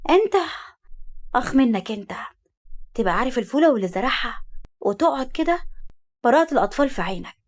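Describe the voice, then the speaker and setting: A woman's voice: a little high, expressive, fast talker, pauses often. A woman voicing a sly Egyptian young man. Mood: sly teasing. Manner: sly, bantering. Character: scheming young man, teasing his cousin.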